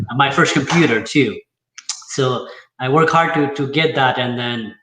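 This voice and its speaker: A man from Nepal speaks in a bright voice, pausing often on fillers as he talks through his work. The echoey room rings around his words. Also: medium pitch. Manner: hesitant, lots of fillers and restarts. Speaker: guest, accountant. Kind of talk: casual interview talk.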